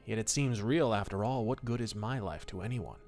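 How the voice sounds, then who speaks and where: A man voicing a broke, despairing young man who confesses in a halting way. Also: lowish voice, darkish tone, voice pushed down, close to an everyday voice.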